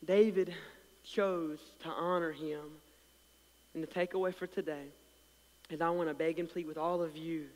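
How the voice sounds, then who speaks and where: A man preaching in a church sanctuary, his voice sitting high for a man and carrying a slight lisp. He surges loud with passion, then drops almost to a murmur, stacking repeated words as he builds. A long reverb trails every phrase. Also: steady tone, moderate pace, long pauses. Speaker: pastor. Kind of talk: sermon.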